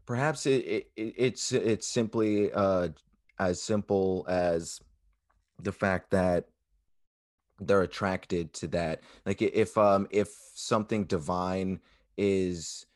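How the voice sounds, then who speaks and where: A man with a very low voice talks through abstract ideas in a casual way. He goes slowly and tentatively, stopping to find words, in a dry, close recording. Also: steady tone, no room sound. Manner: halting, tentative, searching for words. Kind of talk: casual philosophical discussion.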